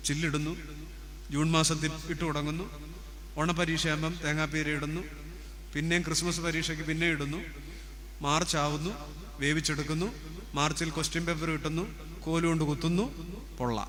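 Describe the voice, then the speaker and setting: A priest preaching a sermon slowly and emphatically, breaking into sung hymn lines. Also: male voice, on the high side, level tone, a bit bright, in a large hall, a little hiss or hum.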